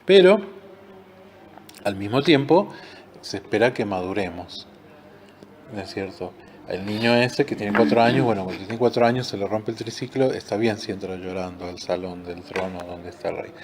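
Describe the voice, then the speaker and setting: A man's voice: on the low side, moderate pace. Rioplatense man teaching a Bible class. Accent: Rioplatense Spanish. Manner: conversational, explains with examples, fills with "este". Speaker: discipleship teacher.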